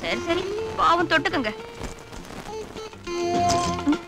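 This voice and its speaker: Brief: a sharp-tongued young film heroine, high voice, defiant and mocking, film music behind. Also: female voice, expressive, slow, vocal fry, heavily acted. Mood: playful.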